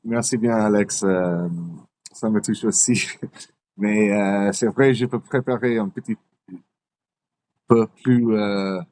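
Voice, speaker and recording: Male podcast host, native English speaker with a foreign accent in French; slow, hesitant, mellow, casual unscripted chat. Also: lowish voice, fairly even intonation, no room sound. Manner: halting, hesitant, searching for words.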